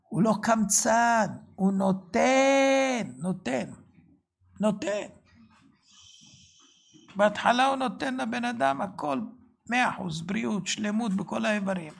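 Fervent religious teacher, male, gravelly voice, keeps asking the listener questions and suddenly raises his voice. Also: sits high, pauses often. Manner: fervent, rhetorical questions, sudden shouted bursts. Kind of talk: Torah sermon.

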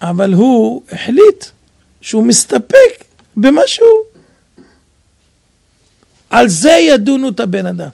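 A man giving an animated sermon, telling stories and acting out dialogue, sometimes rising to shouts. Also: extremely high pitch, gravelly, pauses often, no echo. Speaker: rabbi preacher.

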